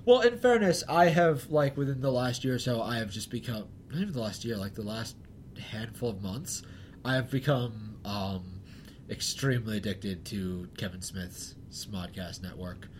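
This podcast co-host is a young man whose voice runs on the low side at a moderate pace. He laughs a lot while chatting loosely and poking fun at himself, and faint hiss or hum sits under the audio.

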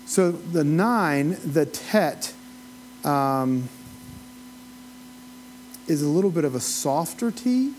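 Higher-pitched Appalachian man teaching informally. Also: animated, slow pace, pauses often, a little mellow, a little hiss or hum, low-quality recording. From Appalachia, United States. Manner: folksy, rambling asides, asks the listeners questions. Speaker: Bible study teacher. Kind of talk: informal teaching, conversational lecture.

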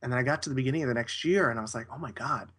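A man's voice: mid-range voice, racing, a bit bright. A man talking casually as an interview guest, rambling and correcting himself as he goes. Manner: rambling, self-correcting, with frequent restarts.

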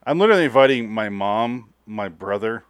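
A man's voice: fairly low pitch, animated, a little fast, smooth, dry recording, studio quality. A young man hosting a podcast, chatting loosely with frequent restarts and swearing. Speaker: podcast host. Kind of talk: casual chat.

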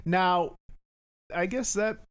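Clear-voiced man chatting about films. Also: sits high, slow, fairly bright tone. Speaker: film review show co-host. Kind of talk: casual film review chat.

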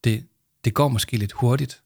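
A man voicing a weary, shy schoolboy who hesitates and speaks quietly, read from a storybook. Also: medium pitch, creaky, breathy edge. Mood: hesitant. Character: tired, shy schoolboy wanting to go home. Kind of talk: storybook reading.

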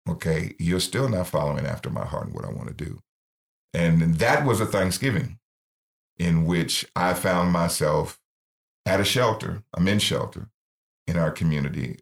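A middle-aged man, founder of a ministry, earnestly telling his life story in an interview and acting out the voices he quotes. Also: sits low. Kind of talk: personal testimony in interview.

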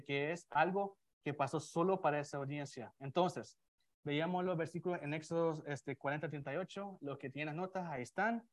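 Male preacher, slightly high voice, informal sermon delivery with many restarts. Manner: conversational, many restarts and fillers, asks the congregation questions. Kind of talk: expository sermon. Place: church before a congregation with slides.

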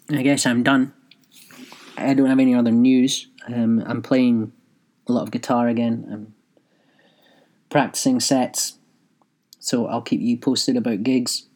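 A man's voice: mid-range voice, darkish tone. A man hosting his own podcast, thinking aloud in a rambling way with restarts. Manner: reads aloud from his own written review. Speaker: podcast host. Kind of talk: solo podcast monologue.

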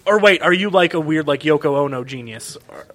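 Excitable bright-voiced comedy podcast host. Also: medium pitch, a little fast. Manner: goofy, excitable banter.

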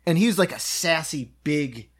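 A man's voice: on the high side, animated, moderate pace. Chatty man spinning a bar anecdote. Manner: loose, chatty, swears, acts out voices in anecdotes. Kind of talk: casual storytelling chat.

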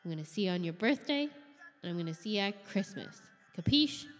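A man doing a blunt scolding detective, raised pitch, reverberant sound, faint music. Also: lively intonation, a little fast, fairly bright tone, lightly acted. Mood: scornful. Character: tough, scornful chief detective.

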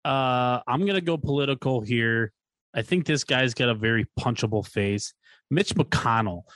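An easygoing man in casual podcast chat, laughing often. His voice sits at a middle pitch. The sound is dry and close. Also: normal speed, a bit bright, no room sound.

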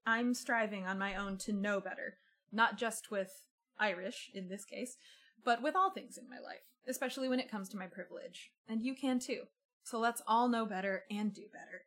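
A woman's voice: medium pitch, a bit bright. A woman hosting a conversational history podcast, speaking in an earnest, appreciative way. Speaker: podcast host.

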